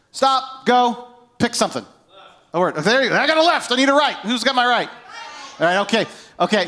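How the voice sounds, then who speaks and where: A male pastor preaching at a church service, energetic and playful, directing the congregation during an object lesson while wearing a microphone. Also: very high-pitched. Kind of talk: sermon with a live object lesson.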